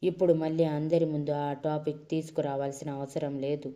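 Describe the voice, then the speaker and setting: A woman doing a calm, serious young man. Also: low-pitched, lightly acted. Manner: serious, measured.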